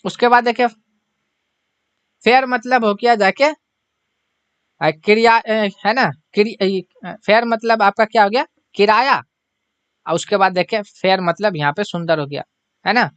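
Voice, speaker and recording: Patient Bihari Hindi teacher, dry close mic. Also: male voice, high voice, a little slow, pauses often, fairly bright tone, clean tone, no echo, dull audio. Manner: repeats "है ना?" often, patient explaining. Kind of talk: exam-prep lesson explaining homonyms.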